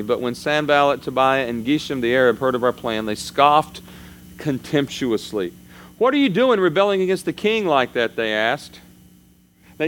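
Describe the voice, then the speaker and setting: Conversational male pastor preaching a sermon. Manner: conversational preaching, pitch rising and falling for emphasis.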